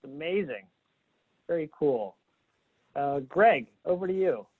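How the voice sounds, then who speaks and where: A man hosting a video-call webinar, relaxed and upbeat, laughing easily while guiding the panel. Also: fairly high pitch, takes it slowly. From Philadelphia, Pennsylvania. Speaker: webinar host. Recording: tinny phone-like call audio.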